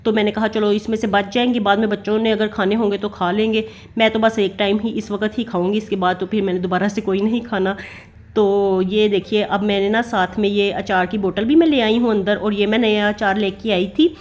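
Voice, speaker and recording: Chatty Pakistani housewife vlogger. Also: female voice, medium pitch, steady tone, brisk, a little mellow, soft background music. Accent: Pakistani Urdu. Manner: chatty, homely, many fillers. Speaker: family vlogger. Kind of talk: casual voice-over narration.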